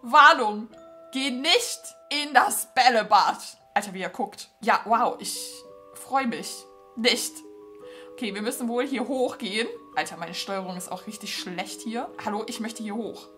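A woman hosting a let's-play gaming video, talking excitedly to her viewers in a chatty, casual way as she plays. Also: medium pitch, normal speed, faint music behind.

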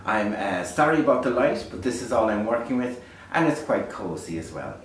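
A man's voice: mid-range voice, very animated, fairly quick. A man from Ireland with a lilting Irish storyteller's delivery, talking casually and reflectively to camera. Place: beside a small fire in a dark stone hearth. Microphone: distant camera microphone. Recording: echoey, distant, faint background noise.

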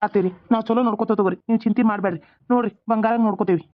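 Guy doing the village men in a homemade cartoon, north karnataka accent, kinda high voice, sounds like a phone line. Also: steady tone, racing, natural voice. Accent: North Karnataka Kannada. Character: village men, a son-in-law and a father. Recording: tinny phone-like recording.

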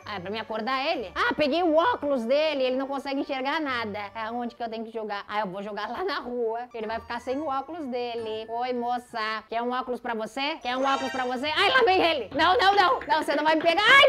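A man voicing a mischievous male cartoon cat who plays games, talking in an excitable, teasing way. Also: very high voice. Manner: excitable, teasing, squealing and giggling. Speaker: gameplay commentator. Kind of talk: cartoon game commentary.

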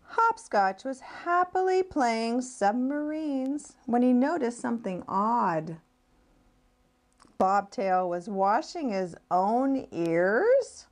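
A woman, a speech-language pathologist, reading a children's picture book aloud in an expressive, sing-song way. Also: on the high side, slow.

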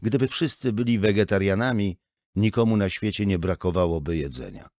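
A man's voice: lowish voice, a little fast, darkish tone, no echo, clean studio sound, close to an everyday voice. A man reading an audiobook and voicing a sullen young son who mumbles his replies. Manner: mumbling, subdued.

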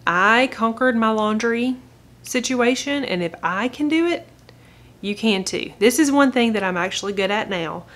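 A woman's voice: medium pitch, a bit bright. A woman, hosting a chatty home-routine vlog from her living room sofa and encouraging viewers directly. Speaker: vlogger, channel host. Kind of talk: upbeat home-organizing vlog.

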